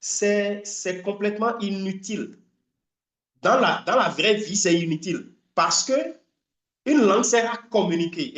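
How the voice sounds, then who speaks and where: A man giving a live online English training talk, lively and emphatic, often stopping to hunt for a word. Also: high voice, echoey room. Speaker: English language coach.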